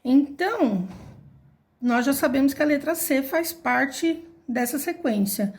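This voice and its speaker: High-voiced woman teacher, patient. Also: lively intonation, takes it slowly, a little mellow. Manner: patient, step-by-step counting aloud. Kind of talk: explaining a classroom word puzzle.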